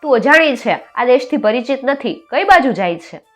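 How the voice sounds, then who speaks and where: A woman's voice: sits high, sing-song, normal speed, faint music behind, pitched above the performer's own voice. A woman voicing coaxing village farmer men.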